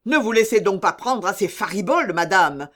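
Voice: mid-range voice, expressive, a little slow, natural voice. A reader voicing an indignant male doctor who pleads passionately with a mother, in an audiobook reading. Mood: pleading. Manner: impassioned, pleading.

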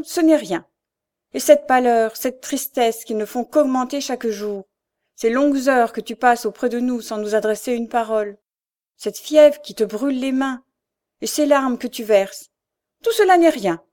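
A woman's voice: on the high side, moderate pace, a little mellow, lightly acted. Storybook sister, insistent and urgent, read by a woman. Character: insistent, loving older sister.

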